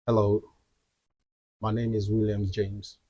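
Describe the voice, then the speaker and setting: A Nigerian man, an entertainer and guest, introducing himself in a measured, deliberate way. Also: on the low side, little pitch movement, a crowd in the background. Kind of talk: self-introduction. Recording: dry, dull lo-fi sound.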